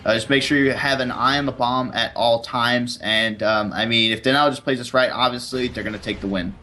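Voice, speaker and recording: Bright-voiced, boastful male esports caster. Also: medium pitch, fairly even intonation, fairly quick. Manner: confident, boastful, rambling analysis. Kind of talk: color commentary.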